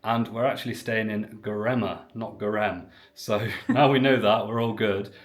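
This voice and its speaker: A man's voice: on the low side, steady tone, moderate pace. A British man talking casually to camera in a travel vlog, chatty and upbeat. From Britain. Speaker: travel vlogger. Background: music.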